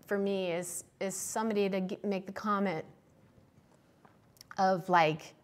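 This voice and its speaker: Chatty woman sculptor, quick laughs. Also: mid-range voice, fairly even intonation. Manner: chatty, laughs often, slows down to stress points. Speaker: guest sculptor and instructor. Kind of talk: casual interview chat.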